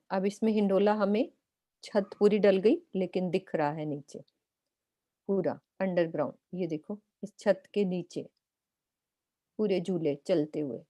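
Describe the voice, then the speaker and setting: A woman speaks as a spiritual teacher, patient and methodical as she points out details one by one. Her voice is warm and mellow. The recording is close and dry. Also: medium pitch, no echo. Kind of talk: explanatory lesson.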